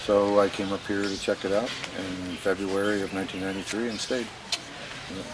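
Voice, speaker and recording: Older American man, distant low voice. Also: little pitch movement, brisk. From United States. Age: 60s. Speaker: interviewee. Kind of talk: casual personal storytelling. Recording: distant microphone with noisy ambience.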